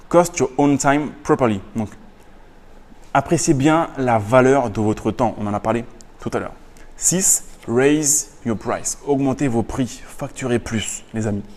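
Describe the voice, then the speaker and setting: A man summarizing business tips to his viewers in a casual, energetic way, repeating key phrases and reading quotes in English. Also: medium pitch, measured pace, long reverb tail. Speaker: business YouTuber. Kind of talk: casual book summary to camera.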